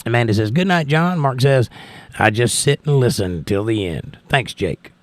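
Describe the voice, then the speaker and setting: A man's voice: medium pitch, animated, moderate pace, no echo. An American man with a crackly voice chats casually as a livestream host, reading out messages and thanking people in a folksy way. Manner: folksy, thanking and blessing listeners. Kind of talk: casual live chat, reading out viewer messages.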